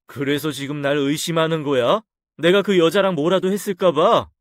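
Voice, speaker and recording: A man voicing a domineering, quick-tempered husband in an audio story, curt and scornful. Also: on the high side, fairly even intonation, dry recording, studio quality, lightly acted. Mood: angry. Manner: curt, scornful, raising his voice.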